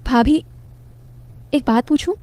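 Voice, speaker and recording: A woman voicing a shy, nervous young man who speaks in hesitant, hushed, stammering bits. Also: high-pitched, slow.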